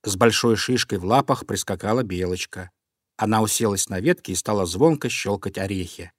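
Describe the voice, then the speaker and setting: A man reading a children's fairy tale aloud in an expressive storytelling manner. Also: fairly low pitch, a little fast, no echo, studio quality.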